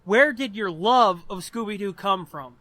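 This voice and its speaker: Swearing often, a man in his twenties tells a rambling, casual story as a podcast co-host. His high voice comes across pushed and bright at a measured pace, with no room sound.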